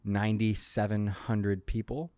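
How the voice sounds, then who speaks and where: Tired, laid-back low-voiced man. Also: little pitch movement, warm tone, no room sound. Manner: laid-back, explanatory, many "uh" pauses. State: tired, short on sleep. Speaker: podcast host, professional poker player. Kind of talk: casual podcast conversation.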